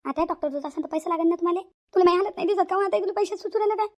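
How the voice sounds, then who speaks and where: Cartoon mother-in-law: stingy older woman, high-pitched and fast, nagging. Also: darkish tone. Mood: complaining. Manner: nagging, wailing in pain.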